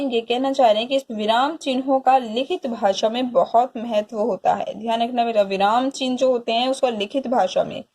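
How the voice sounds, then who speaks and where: A woman teaching a grammar lesson in a slightly high voice. She speaks straight to her pupils and repeats each definition slowly, phrase by phrase, so they can take it down word for word. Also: darkish tone. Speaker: school teacher. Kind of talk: explanatory classroom lesson.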